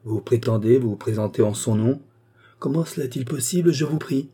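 A man's voice: medium pitch, a little fast, mellow, slightly rough, lightly acted. A man voicing a frail, weary old marquis in a read-aloud novel, speaking curtly. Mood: stern. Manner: weary, curt. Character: frail aging male marquis, weary, stern.

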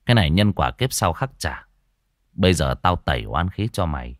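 A man's voice: low-pitched, sing-song, dry recording, voice pushed down. Cast a man doing a swaggering street-tough ghost hunter in an audio horror story, dry close sound. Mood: stern. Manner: taunting, gruff, fast. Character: brash young male exorcist, cocky and rough.

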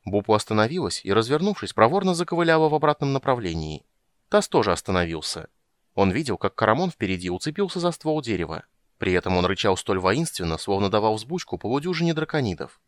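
A man narrating a fantasy audiobook with expressive storytelling. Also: lowish voice, fast, no echo, studio quality. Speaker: audiobook reader. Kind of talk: scripted narration.

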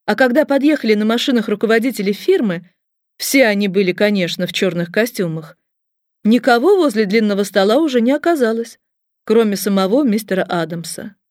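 A woman reading a children's story aloud with a lively, expressive delivery. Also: mid-range voice, brisk, no echo, clean studio sound. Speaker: audiobook reader.

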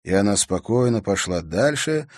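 A man narrating an audiobook with expressive storytelling. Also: fairly low pitch, normal speed, no room sound, studio quality. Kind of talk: scripted narration.

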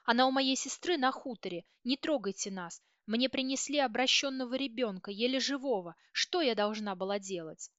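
A woman's voice: a little high, normal speed, hardly any pauses, fairly bright tone, no room sound, lightly acted. A woman voicing a terrified old village herbalist who pleads and begs in a frightened, breathless way. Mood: desperate. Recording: dull, dry audiobook recording.

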